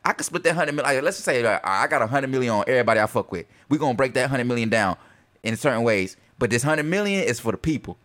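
A man's voice: medium pitch, quick pace. Laid-back slangy young man from North Carolina. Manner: laid-back slangy banter, gets loud and laughing when excited. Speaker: podcast co-host. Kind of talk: casual chat.

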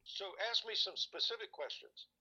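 Hesitant, bright-voiced man rambling through memories. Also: sits high, lively intonation, moderate pace, breathy edge, muffled recording. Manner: rambling, hesitant, searches for words. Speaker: guest recalling church experiences. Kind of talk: casual conversation.

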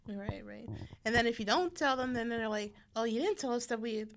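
A woman co-hosting a casual podcast, chatting in a relaxed way about working as a server. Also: on the high side, fairly quick. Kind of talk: casual chat.

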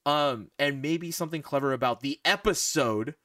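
A man hosting a casual podcast with friends, telling a story in animated, mock-exasperated bursts. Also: on the high side, moderate pace, dry recording, studio quality. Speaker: podcast host. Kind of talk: casual chat among friends.

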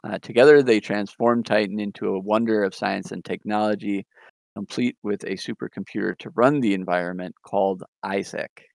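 Gravelly low-voiced man recapping comics. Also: fairly quick, dry recording. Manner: relaxed retelling with frequent ums and chuckles. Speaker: podcast host. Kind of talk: casual comic book recap.

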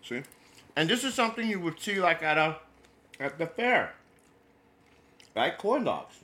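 An unhurried young man from New, with a fairly high voice, co-hosts a food podcast and chats casually. He tells stories with animation, laughs often and gets loud when he's excited.

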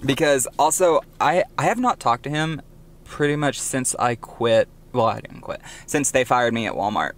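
A young man co-hosts a casual podcast, chatting and telling stories in a bright-ish, medium-pitched voice with lively intonation and a normal pace, correcting himself as he goes. He records on a budget microphone.

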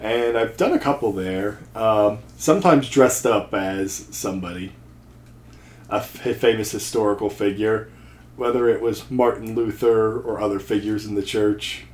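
A man's voice: on the low side, measured pace, a little mellow. A man, a guest, chatting casually with dry, self-deprecating humor and frequent restarts. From New Jersey. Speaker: podcast guest, seminary student and accountant. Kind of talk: casual chat. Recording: echoey room.

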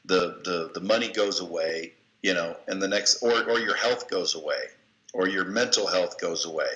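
As a guest in an interview, a man hands out blunt, coaching-style motivational advice in a folksy manner, cursing casually. His low voice is bright and forceful, and the room sounds echoey.

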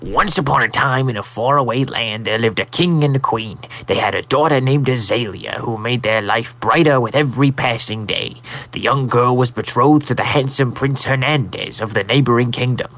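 A man voicing a grumpy older man who pretends to be a grandpa and reads a fairy tale aloud, in a gruff storybook manner. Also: medium pitch, normal speed, fairly bright tone, close to an everyday voice, poor audio. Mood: storytelling. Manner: gruff storyteller, grumbling at kids. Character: grumpy old man playing a fake grandpa.

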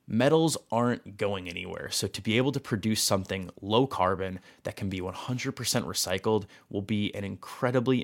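Podcast host guy, lowish voice, chatty and upbeat intro. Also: creaky. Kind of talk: podcast host narration and interview.

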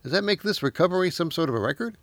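A man's voice: sits high, lively intonation, very fast, a bit bright, no echo. A man hosting a live financial radio show, announcing and putting questions to an analyst.

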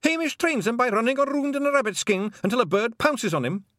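A man's voice: extremely high pitch, animated, fast talker, a bit bright, no room sound, clean studio sound, pitched above the performer's own voice. A man voicing a tiny, shy, polite pixie man in a kilt, speaking with a Scottish accent and deferring to his mistress. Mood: chatty. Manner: hesitant, deferential.

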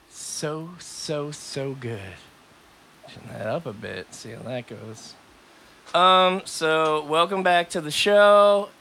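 A man's voice: on the high side, fairly bright tone. A man hosting a casual podcast, talking loosely, swearing and laughing often. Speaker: podcast host. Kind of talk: casual chat.

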